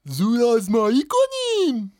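A woman voicing a cheeky, boastful young trickster hero with a teasing, lively voice. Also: a little high, dry recording, clean studio sound. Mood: cocky.

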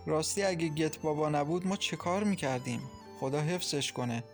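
A man's voice: on the high side, soft background music, lightly acted. A man reading an audiobook, voicing a bold, earnest young woman who is about to be engaged and jokes with her sister. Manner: earnest, playful. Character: bold young woman, bride-to-be, anxious but playful. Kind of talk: audiobook character voice.

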